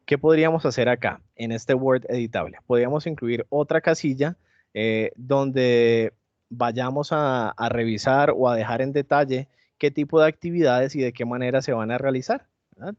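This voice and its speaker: Male teacher trainer, mid-pitched, hesitant with fillers, dull dry mic. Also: moderate pace, darkish tone, no room sound. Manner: hesitant, many fillers and tag questions. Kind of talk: online teacher training presentation.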